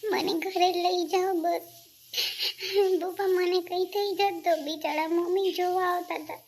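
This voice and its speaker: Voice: level tone, moderate pace, darkish tone. A voice actor playing a homesick young married daughter in a cartoon, pleading and weepy. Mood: weary pleading. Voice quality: very high, gravelly voice. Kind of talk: Gujarati cartoon voice acting.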